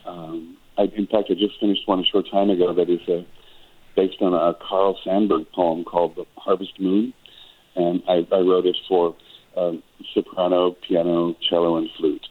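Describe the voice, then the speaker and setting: A very low-voiced older man from Wisconsin chats as a radio guest, thoughtful and meandering, often restarting his sentences. His voice comes through thin and tinny, like a phone line. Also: flat delivery, moderate pace. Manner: reflective, rambling with frequent restarts. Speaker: guest musician and choral director. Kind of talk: radio interview chat.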